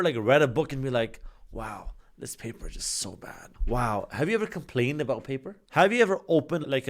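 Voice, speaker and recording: A man hosting a podcast in a studio, talking in a chatty, rambling way with lots of fillers. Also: medium pitch. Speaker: podcast host. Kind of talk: casual podcast monologue. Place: recording studio.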